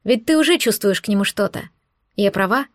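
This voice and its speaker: A woman voicing a gentle, persuasive female demon in an audiobook, speaking softly and reassuringly. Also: mid-range voice, lively intonation, a little fast, no echo, studio quality, lightly acted. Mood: earnest. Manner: soft, coaxing, reassuring.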